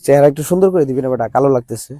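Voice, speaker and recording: A man's voice: mid-range voice, rapid-fire, mellow, no room sound. A young man teaching a live online Bangla class, joking with students and drilling them with call-and-response questions.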